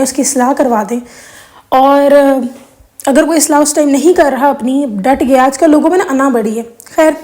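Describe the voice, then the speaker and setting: A woman's voice: high-pitched, darkish tone. A woman whose first language is Urdu, talking earnestly to her viewers about correct prayer recitation, explaining with examples and slipping in English phrases. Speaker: religious video host. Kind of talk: casual religious talk to viewers.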